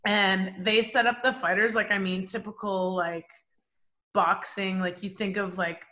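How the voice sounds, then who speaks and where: A woman in her forties, a professional boxer from Canada, telling her story in a casual interview, animated and full of fillers. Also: medium pitch, measured pace. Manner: animated, chatty, many fillers like "like" and "um". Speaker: professional boxer, podcast guest.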